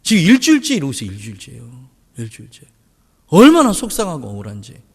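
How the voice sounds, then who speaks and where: A man preaching a sermon as pastor, impassioned, swinging between loud pleading and hushed murmurs. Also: a little high, huge pitch swings, fast talker, husky, in a large hall. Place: church sanctuary.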